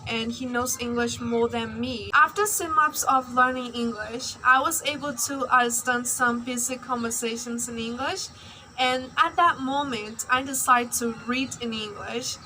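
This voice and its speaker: The recording is low quality with a bit of background noise, and the woman's slightly high voice comes across bright and forceful at a measured pace. She's a young vlogger from Myanmar, Burmese by first language, chatting about language learning and often saying "like."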